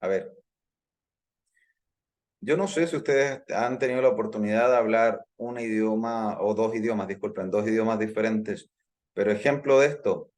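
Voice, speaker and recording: A man's voice: lowish voice, darkish tone. A man teaching a live online hypnosis class, explaining at length, repeating his points and checking in with his listeners. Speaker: hypnosis instructor.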